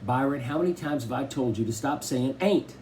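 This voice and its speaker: Exasperated mom done by a male reader: scolding, worried, mellow tone. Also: medium pitch, fairly quick, slight background noise, close to an everyday voice. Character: exasperated, stern mother. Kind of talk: audiobook character voice.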